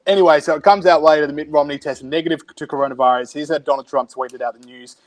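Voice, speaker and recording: Australian male podcast co-host, dry and wry, slightly raised pitch, casual banter. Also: fairly even intonation, fast. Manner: wry, sardonic, reads out tweets. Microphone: remote recording from home.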